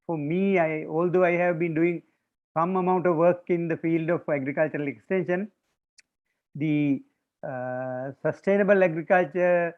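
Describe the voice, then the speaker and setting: An older Sinhalese-speaking man with a Sri Lankan accent gives an online lecture in English, pausing often with drawn-out uhs. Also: fairly high pitch. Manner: hesitant, frequent pauses with drawn-out uhs. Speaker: visiting lecturer and retired professor, guest speaker. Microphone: video call. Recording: dull, lo-fi video call audio.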